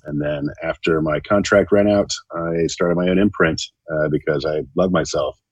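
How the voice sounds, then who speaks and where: A man's voice: extremely low pitch, steady tone, normal speed, no room sound, lo-fi sound. A man speaking as a podcast guest in casual interview chat, wry and self-deprecating. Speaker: podcast guest, game designer.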